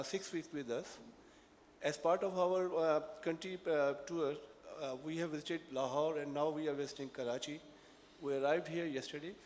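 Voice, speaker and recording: Man, formal welcome speech, slightly high voice, hesitant fillers, long hall reverb. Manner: measured, with frequent "uh" hesitations. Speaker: academy program director leading a visiting delegation. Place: official meeting hall. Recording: reverberant hall with faint room noise.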